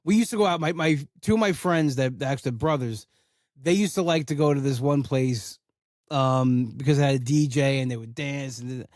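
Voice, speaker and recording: In a dry, studio-quality recording, a man in his forties hosts a podcast with casual, rambling chat, full of "like" and restarts. He grew up in an Italian-American household, and his mid-range voice has a darkish tone and a moderate pace.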